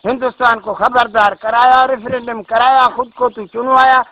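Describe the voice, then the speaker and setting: A police constable from Balochistan, Pakistan, reciting a long rhyming verse in a steady sing-song chant. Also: male voice, very high voice. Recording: dull lo-fi amateur recording.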